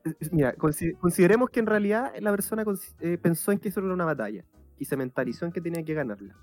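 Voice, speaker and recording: Chilean male podcast co-host, slightly raised pitch, loose slangy talk full of restarts, faint music under the talk. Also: expressive, very fast, a little mellow. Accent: Chilean Spanish. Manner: crude slang, stammering restarts. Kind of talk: casual chat.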